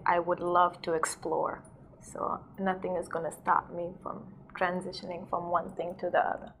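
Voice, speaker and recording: A woman's voice: on the low side, fairly bright tone, a little hiss or hum. A young woman from South Sudan, a DJ and model, talking in a casual interview with lots of fillers and laughter, recorded on a lapel mic in a studio. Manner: chatty, laughs often, many "like"s and fillers.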